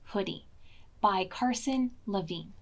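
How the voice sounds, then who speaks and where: A children's library storytime reader reads a picture book to preschoolers slowly, in a mid-range voice with dramatic emphasis and questions for her young listeners. The recording is muffled, with a little hiss or hum.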